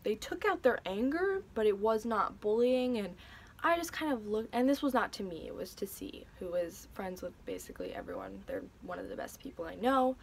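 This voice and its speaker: A woman's voice: mid-range voice, sing-song, normal speed, slight background noise. A young woman telling a personal story in a vlog, hesitant and emotional, with many fillers and restarts. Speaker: vlogger.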